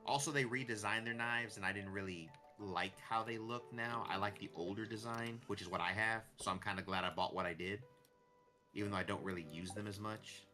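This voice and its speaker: A man's voice: lowish voice, fairly even intonation, fairly quick, bright, forceful tone. A man giving casual gameplay commentary, thinking aloud and restarting his sentences as he rambles. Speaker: gameplay streamer. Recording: clear music behind the voice.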